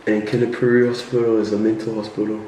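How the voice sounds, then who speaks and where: A young New Zealand vlogger jokes around during a relaxed couple's chat at home while eating, speaking quickly in a lowish voice and saying "bro" a lot in a laid-back way. The room is echoey, he's a bit off-mic, and there's a faint hiss.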